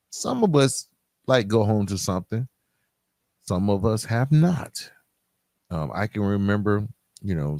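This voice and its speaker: Going solo on his podcast, this American host speaks with emphasis in street-inflected slang, keeping it conversational and frequently addressing the listener. He has a deep voice, and there's no room sound.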